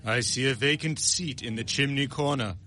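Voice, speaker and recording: An actor playing a stern, solemn, reproachful spirit in a grand, declamatory old radio drama style. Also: male voice, medium pitch, normal speed, sharp tone, natural voice. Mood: stern, scornful.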